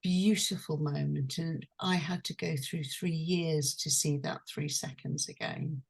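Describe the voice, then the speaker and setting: A woman from London, a transformational coach telling a personal story in a slow, hushed, intimate way. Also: low voice, steady tone, gravelly, breathy edge. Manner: slow, hushed and intimate, dwelling on each phrase.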